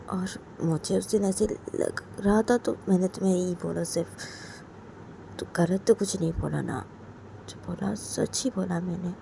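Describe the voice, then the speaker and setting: Soft-spoken woman in romantic role-play. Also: mid-range voice, creaky, slight background noise. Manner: soft, pleading and coaxing, often dropping to a whisper.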